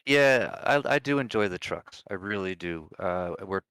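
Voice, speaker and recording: A man's voice: sits low, lively intonation, moderate pace, a bit bright, clear, resonant tone, dry recording. A man in his forties, a sim racing driver, giving a rambling, heartfelt post-race interview full of thanks. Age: 40s.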